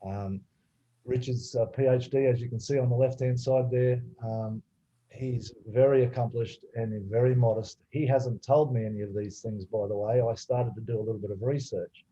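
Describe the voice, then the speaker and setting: A man hosting a webinar, introducing guests in a halting way with many fillers and restarts. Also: medium pitch, fairly even intonation, dark tone. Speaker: webinar host. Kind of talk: webinar presentation. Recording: slightly dull video call audio.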